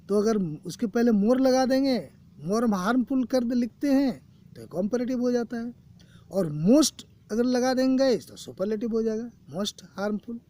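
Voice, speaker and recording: A man teaching an English grammar lesson, explaining slowly and repeating points, often calling his students "guys". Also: extremely high pitch, mellow. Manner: slow, repetitive explanations, keeps saying "guys". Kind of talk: recorded classroom lesson. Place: coaching classroom.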